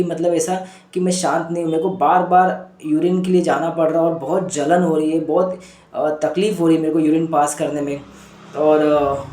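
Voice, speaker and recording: A man's voice: on the high side, mellow, natural voice. A man voicing a distressed woman patient in pain, pleading and repeating herself, calling him sir. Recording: echoey room.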